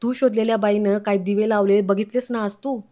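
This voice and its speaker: A woman's voice: mid-range voice, steady tone, a little fast, warm tone, lightly acted. A woman voicing an older grandfather who talks in a chatty, reflective way as she retells a family serial. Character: grandfather, older man, fond of cooking.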